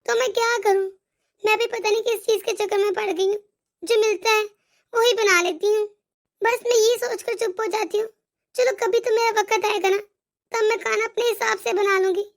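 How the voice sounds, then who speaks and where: A woman voicing a young daughter-in-law in an animated moral story, complaining and pleading. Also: extremely high pitch, normal speed, vocal fry. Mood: aggrieved. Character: young wife, hurt and fed up.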